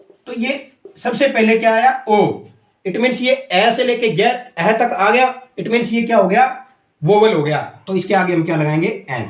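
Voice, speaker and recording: Guy teaching grammar, keeps asking if you got it, pretty high voice. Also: unhurried, reverberant. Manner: explains step by step, keeps asking "clear?". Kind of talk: whiteboard grammar lesson.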